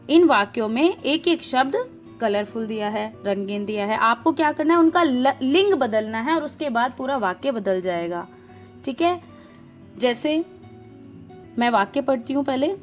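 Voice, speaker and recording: A woman teacher explaining a grammar exercise to young pupils step by step, asking questions and answering them herself. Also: high voice. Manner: patient, explains step by step and repeats key words. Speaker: school teacher.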